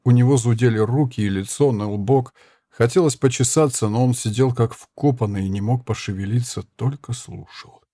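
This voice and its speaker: Husky-voiced male audiobook reader. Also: medium pitch, moderate pace, dark tone, no echo, studio quality. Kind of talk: audiobook narration.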